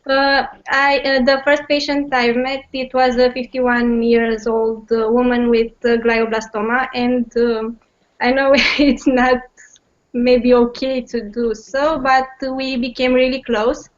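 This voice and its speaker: A woman's voice: on the high side, little pitch movement, slow. A young woman, a medical student, giving a conference presentation over a video call, hesitant and full of fillers. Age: young adult. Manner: hesitant with many fillers, nervous laughs. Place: home at night. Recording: dull online call audio.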